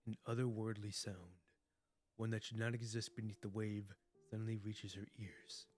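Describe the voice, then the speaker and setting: A man's voice: lowish voice, moderate pace, faint music behind. A man streaming his reaction to a game story, switching between casual commentary and dramatic read-aloud narration. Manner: excitable, profane, exclamatory.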